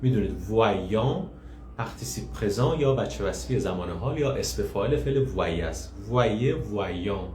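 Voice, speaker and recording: A man's voice: lowish voice, animated, a little mellow. A man teaching French in a live online class, patiently explaining and repeating each phrase. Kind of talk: live online language lesson. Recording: echoey room, faint hiss.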